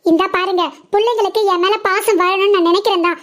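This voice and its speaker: A woman voicing a sharp-tongued mother who nags and scolds her schoolgirl daughter. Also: extremely high pitch, steady tone. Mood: arguing. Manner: nagging, quick rebukes.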